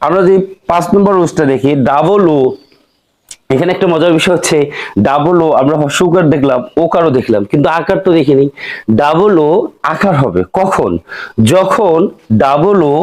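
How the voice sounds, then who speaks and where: A man's voice: fairly high pitch, a little mellow. A man teaching English phonics, patiently spelling out each sound step by step and asking and answering his own questions. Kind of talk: classroom-style explanation.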